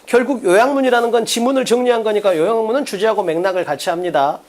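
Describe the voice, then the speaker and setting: A man's voice: sits high, fast talker, darkish tone. A man teaching an online exam-prep English lecture, drilling students with constant rhetorical questions.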